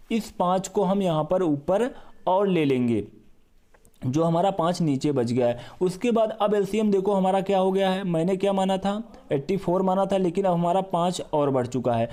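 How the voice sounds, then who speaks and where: A man's voice: high-pitched, mellow. A male math teacher giving a step-by-step exam-prep lesson, repeating each step and talking to viewers like a brother. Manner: repetitive, step-by-step explaining, addresses viewers as brother.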